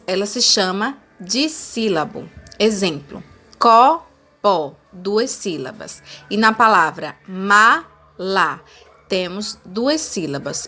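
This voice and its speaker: A woman teacher with a Brazilian accent giving a lesson, speaking slowly and spelling words out syllable by syllable. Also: mid-range voice, pushed and bright. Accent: Brazilian Portuguese. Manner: slow, deliberate, spelling out syllables. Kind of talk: recorded classroom lesson.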